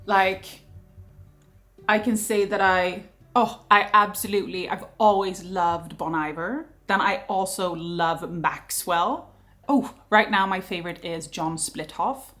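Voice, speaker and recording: A Swedish vlogger in her thirties hosts a casual Q&A chat, lively and talkative, laughing often. Her voice sits at medium pitch and she speaks at a measured pace.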